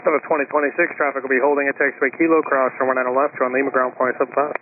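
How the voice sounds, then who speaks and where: A man's voice: mid-range voice, little pitch movement, racing. Male controller for air traffic control radio: rattles off clipped instructions at top speed, tinny channel. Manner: clipped procedural phrasing. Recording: narrowband aviation radio, faint noise, clicks.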